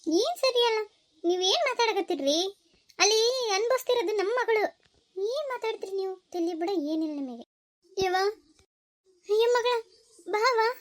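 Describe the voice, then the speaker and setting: A woman's voice: very high-pitched, expressive, normal speed, long pauses, dry recording, studio quality. A woman with a North Karnataka Kannada accent playing an anxious village mother in a family comedy-drama, talking in an emotional, pleading and scolding way.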